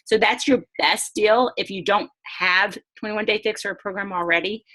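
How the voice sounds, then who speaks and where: A woman's voice: mid-range voice, normal speed, bright, forceful tone. A woman hosting a casual webinar over a video call, chatty and upbeat, often laughing. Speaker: host.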